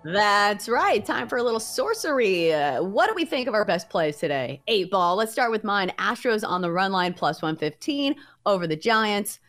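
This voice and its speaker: A woman co-hosting a sports betting show, pitching her picks like a confident tipster. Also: sing-song, normal speed, few pauses, fairly bright tone, soft background music.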